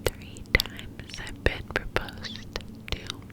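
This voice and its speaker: Slow, breathy cupped-hand ASMR whisper, woman. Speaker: ASMR host.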